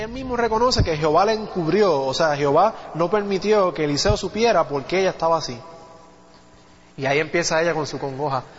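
A man with a high voice tells a Bible story in a conversational sermon, checking in with the congregation by asking "¿viste?" as he goes. Long reverb from a large hall trails each phrase, and the audio sounds dull and muffled.

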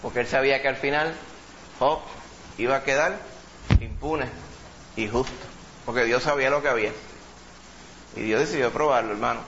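A man's voice: mid-range voice, fairly bright tone, highs cut off, slight background noise. A man preaching a sermon in a church, emphatic, repeating words and calling listeners brother. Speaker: pastor.

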